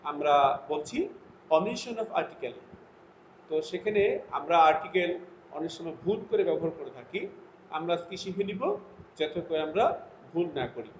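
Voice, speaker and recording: High-voiced male teacher, echoey lo-fi recording. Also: lively intonation. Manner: slow, deliberate English example sentences between explanations. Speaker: English grammar teacher. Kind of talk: recorded classroom lesson. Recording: lo-fi echoey room with faint noise.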